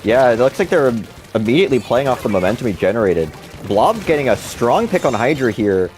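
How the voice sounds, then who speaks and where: A man's voice: mid-range voice, big pitch swings, fairly quick, darkish tone, soft background music. A young man giving color commentary on a video game match, dry and teasing. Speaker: esports co-caster.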